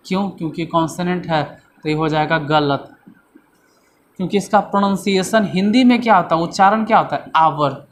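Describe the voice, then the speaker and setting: A man's voice: fairly high pitch, a little hiss or hum. A man teaching English grammar in a classroom lesson, repeating points and asking and answering his own questions.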